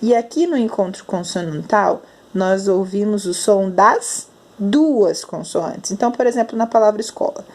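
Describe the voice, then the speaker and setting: Young female Brazilian schoolteacher, patient, stretches out syllables for children. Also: medium pitch. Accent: Brazilian Portuguese. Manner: slow, drawn-out enunciation of sounds. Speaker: primary school teacher. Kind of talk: explaining lesson to children.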